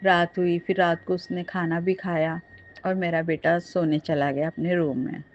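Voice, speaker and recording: A woman's voice: on the low side, level tone, normal speed. Earnest middle-aged woman, lo-fi recording. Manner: earnest, addresses listeners directly. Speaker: satsang storyteller. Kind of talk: devotional testimony storytelling. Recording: dull lo-fi recording.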